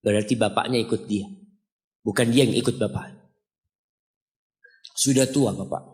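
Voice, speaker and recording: A man preaching a sermon, telling a story and climbing to high, emphatic passages. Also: moderate pace, darkish tone. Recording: long hall reverb.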